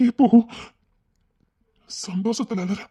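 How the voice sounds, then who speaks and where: A woman acting as a lonely, tender-hearted man in a Tirunelveli Tamil drama, tearful and pleading, often hushed. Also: mid-range voice, takes it slowly, breathy edge.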